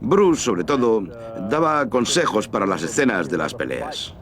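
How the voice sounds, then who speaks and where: A man being interviewed, recalling his work in a halting, phrase-by-phrase delivery. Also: on the low side, big pitch swings. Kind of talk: personal recollection. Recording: crowd noise in the background.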